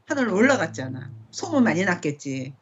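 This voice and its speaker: A middle-aged woman leading a casual Bible study. She talks in a conversational way and often checks in with quick rhetorical questions. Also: fairly low pitch, sing-song, slightly rough, lo-fi sound.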